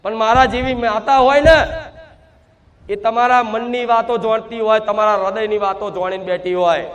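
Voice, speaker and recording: A man's voice: high voice, steady tone, normal speed, fairly bright tone, muffled recording. A man preaching a sermon to devotees, speaking in first person as the mother goddess and repeating fervent rhetorical questions.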